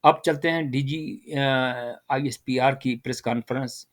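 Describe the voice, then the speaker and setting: An older man giving casual political commentary, animated and rhetorical, addressing his listeners directly. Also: medium pitch. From Pakistan.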